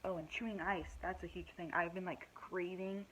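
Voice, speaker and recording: A woman's voice: lowish voice, fairly even intonation, moderate pace, a bit bright, slight background noise, rough recording. A young woman giving a casual pregnancy update vlog, out of breath, rambling with lots of fillers and self-deprecating asides. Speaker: vlogger.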